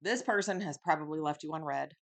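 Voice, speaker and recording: A woman's voice: low voice, fast, gravelly. A woman giving a casual tarot love reading to her viewers, chatty and reassuring, often checking in with "okay?" and "right?". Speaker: tarot reader.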